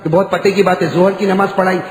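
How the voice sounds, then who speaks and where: A man preacher giving an impassioned sermon, repeating phrases, asking the gathering questions and swinging from hushed tones to shouts. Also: high-pitched, level tone. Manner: asks the crowd questions and addresses them as dear ones. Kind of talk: Muharram sermon. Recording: echoey hall reverb.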